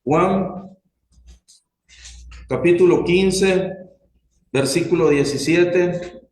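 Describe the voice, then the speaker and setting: A man preaching a sermon slowly and deliberately, putting questions to his congregation. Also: high-pitched, darkish tone, roomy sound, poor audio.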